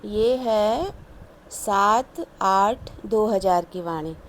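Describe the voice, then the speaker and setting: A woman giving a devotional sermon, explaining a teaching story in a measured, repetitive way. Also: mid-range voice, slight background noise. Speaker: satsang speaker.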